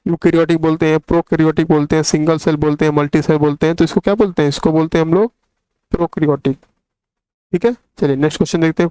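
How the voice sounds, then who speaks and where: A man's voice: fairly high pitch, a little mellow, clean tone, no room sound, low-quality recording. Man teaching, repeating "theek hai". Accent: Hindi. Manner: repeats "theek hai" constantly, reads English questions slowly. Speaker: science teacher. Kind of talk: explaining quiz questions in a class video.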